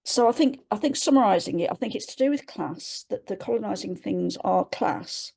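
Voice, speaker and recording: On a video call, a webinar participant from England hesitantly shares a personal reflection, restarting frequently as she searches for words. She's expressive, with a medium-pitched, creaky, darkish voice, a breathy edge, and a moderate pace, heard through a computer mic.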